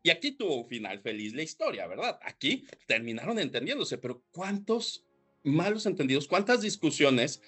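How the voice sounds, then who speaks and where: A man hosting a leadership podcast, explaining points with rhetorical questions and frequent throat clearing. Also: a little high, big pitch swings, moderate pace, fairly bright tone, faint music behind. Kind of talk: solo podcast talk.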